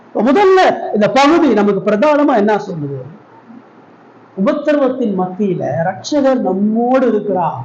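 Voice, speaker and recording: A man's voice: high-pitched, echoey room, dull audio. A man preaching a sermon as pastor, speaking earnestly with repeated rising refrains.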